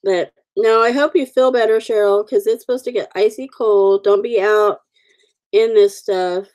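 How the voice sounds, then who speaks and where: A livestream host with an Oklahoma accent and the sniffles chats casually with viewers as she colors stamped cards, greeting people by name. Her medium-pitched, darkish voice has fairly even intonation and a normal speed.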